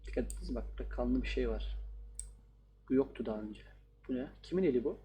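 A man's voice: medium pitch, expressive, quick pace, warm tone, a little hiss or hum. A man playing a horror game and commenting casually, joking and talking back to the characters on screen. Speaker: gaming YouTuber.

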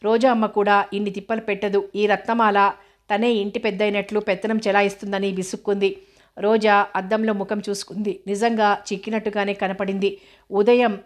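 Woman audiobook narrator, novel reading, flat pitch, medium voice. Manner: steady, even reading.

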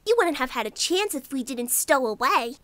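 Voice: high voice, sing-song, moderate pace, fairly bright tone, no echo. A performer voicing an impish young cartoon tiger cub, blunt and innocently cheeky.

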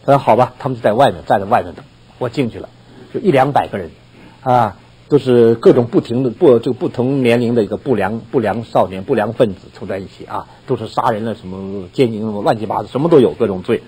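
A man's voice: medium pitch, quick pace, mellow, slightly rough, low-quality recording. An older man preaching a sermon as a pastor, telling a story with laughter and acted-out dialogue.

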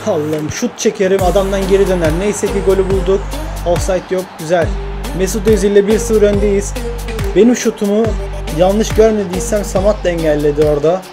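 A man narrates his football video game career into a desk mic, cheering and complaining at every chance. His voice sits high for a man. Game music plays clearly behind him. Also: fairly quick. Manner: excitable, swears and grumbles at the game, commentates his own play. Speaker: gaming YouTuber.

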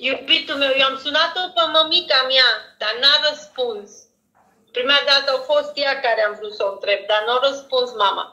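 A woman chats at home, animated and quick with exclamations. Her voice sits high and sounds bright and sharp. The room around her is roomy and echoing. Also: lo-fi sound. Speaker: home cook and vlogger. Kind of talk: casual family chat.

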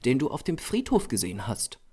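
A man's voice: huge pitch swings, fairly quick, darkish tone, slightly rough. A man voicing a young female artist's model who scolds and teases in a raised voice. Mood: scolding. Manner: high, scolding and teasing.

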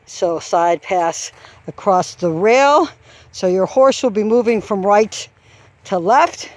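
A woman's voice: mid-range voice, animated, slow pace, a little mellow, dry recording. A woman walking an outdoor farm trail course, calling out steps and the trot rhythm as she explains each obstacle. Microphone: handheld camera while walking. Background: faint outdoor farm ambience.

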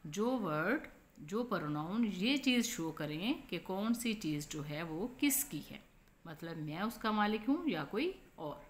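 A woman teacher going through a textbook lesson, repeating each point patiently and reading the English examples slowly. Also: fairly low pitch, a little hiss or hum.

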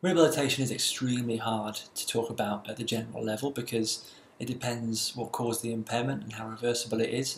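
A man delivers a university lecture at a mid-range pitch, explaining step by step with the odd "uh". The recording picks up a roomy echo and a faint hiss underneath. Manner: explanatory, measured, with some fillers.

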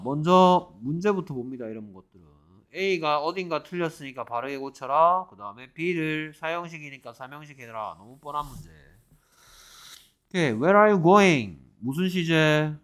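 A man lecturing on English grammar for middle schoolers, with a somewhat high voice. He reads the example sentences out slowly and now and then turns to teasing, exasperated scolding of his students. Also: a bit bright, smooth. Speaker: English teacher.

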